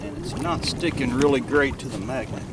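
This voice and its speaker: Animated and mid-range at a normal speed, a middle-aged man thinks aloud casually as he magnet fishes on a lake dock. Captured by a camera mic a few feet off, the audio carries loud wind and water noise.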